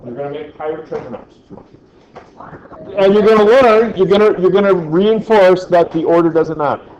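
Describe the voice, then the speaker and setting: The man lecturing here sits high in pitch, with a darkish tone and a moderate pace. He keeps things jokey and checks in with "right?" often. The classroom recording is lo-fi, dull, and echoey.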